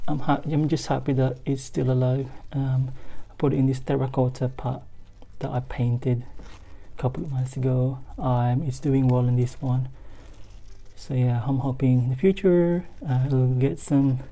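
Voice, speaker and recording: A woman with a very low, dark voice talks slowly through a casual plant tour in her spare room. She hesitates often, filling gaps with fillers and poking fun at herself. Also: steady tone. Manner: hesitant, many fillers, self-deprecating. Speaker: plant vlogger.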